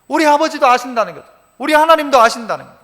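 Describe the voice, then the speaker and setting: A man's voice: very high voice, animated, rapid-fire, fairly bright tone, in a large hall. A male pastor, preaching a sermon in a church sanctuary in a conversational way, asking the congregation many questions.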